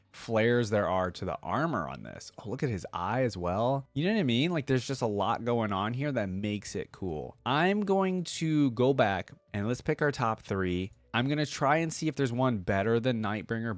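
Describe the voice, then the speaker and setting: A man's voice: mid-range voice, dry recording. A man hosting a reaction video, talking informally and thinking aloud as he comments and reads along. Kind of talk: casual reaction commentary, reading wiki text aloud.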